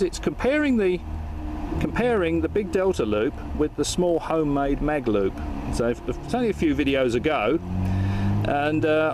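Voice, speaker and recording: Recorded inside a car, a man who is an amateur radio operator and video host chats in a jokey, matey, informal way, mixing casual radio talk with vlog narration. His voice is a little high, and there's background noise.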